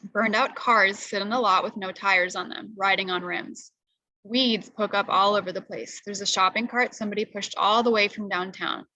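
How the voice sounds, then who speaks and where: A woman reads a novel aloud for students and stops now and then to explain a phrase. Her voice is bright and clear, close to the mic in a dry space. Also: mid-range voice, fairly even intonation, moderate pace, no room sound, low-quality recording. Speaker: reader.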